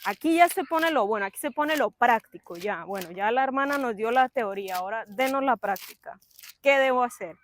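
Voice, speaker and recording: A young adult woman giving a lively, chatty sermon at a church service, with playful asides and acted-out voices of her listeners. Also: on the high side, brisk, slight background noise.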